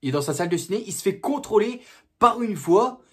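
Man, husky voice, casual slangy film review, repetitive, mock outbursts. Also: high voice, animated, a little fast, fairly bright tone.

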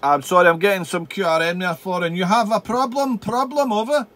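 Speaking fairly quickly in a high-pitched voice over background noise, a man hosts a channel as a ham radio operator from his home radio room. The contact is casual, and he repeats himself, leans on call-sign jargon, and spells words in the phonetic alphabet.

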